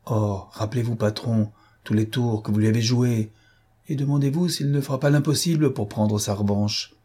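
Brief: a man playing a gruff loyal cop sergeant, urgent and blunt, dark husky voice. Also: steady tone, normal speed, close to an everyday voice. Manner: urgent low warnings, blunt slangy talk.

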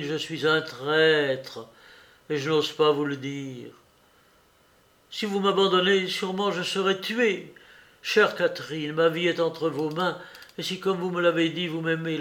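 A sickly, cowardly young man, voiced in an audiobook by a male reader. He speaks in breathless, halting pleas that waver into a whimper. His voice sits slightly high. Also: a bit bright. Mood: terrified. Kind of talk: audiobook character reading.

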